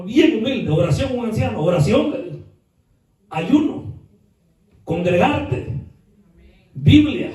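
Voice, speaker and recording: A high-voiced man preaching in a church, his voice ringing through a very echoey hall as he stands back from the mic. He drops to quiet asides, then bursts into shouts and fires off rhetorical questions at the congregation. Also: recorded from a distance. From El Salvador. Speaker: pastor. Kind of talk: sermon.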